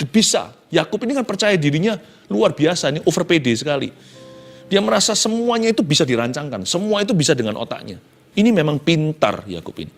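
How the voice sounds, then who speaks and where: A male pastor preaching in Indonesian with English phrases mixed in, telling the story dramatically and swinging between loud and hushed. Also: on the high side. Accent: Indonesian, mixes in English phrases. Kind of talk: sermon.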